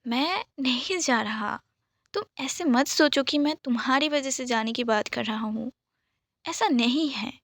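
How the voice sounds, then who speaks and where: A woman voicing a gentle, teasing young man in a whispered role-play. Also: high voice, measured pace, dry recording, clean studio sound, exaggerated voice. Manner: soft, whispered.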